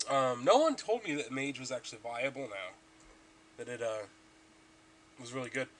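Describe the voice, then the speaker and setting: A man's voice: mid-range voice, expressive, moderate pace, fairly bright tone, a little hiss or hum. Rambling young man with allergies. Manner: rambling, many ums and restarts. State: stuffy from allergies. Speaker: podcast host. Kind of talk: casual gaming podcast chat.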